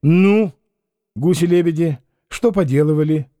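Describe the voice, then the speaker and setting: A man voicing a sly, commanding young male con man with an ironic, brisk way of talking. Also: fairly high pitch, warm tone, lightly acted. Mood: mocking.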